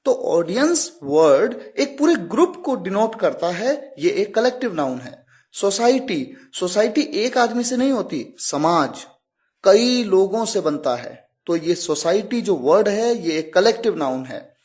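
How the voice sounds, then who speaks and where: A man teaching English grammar. He explains slowly and deliberately, stops on each example word and keeps asking the listener questions. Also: sits high, big pitch swings, darkish tone. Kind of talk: classroom explanation.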